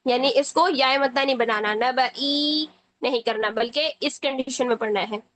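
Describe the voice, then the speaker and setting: High-voiced woman teaching Quran reading. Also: a bit bright, low-quality recording. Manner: patient, repeats words slowly for the learner; checks in often with short asides. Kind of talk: step-by-step tajweed lesson.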